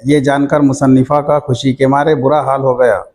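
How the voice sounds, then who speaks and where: A male teacher reading out textbook questions and their answers in a slow, measured dictation manner. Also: mid-range voice, level tone, darkish tone.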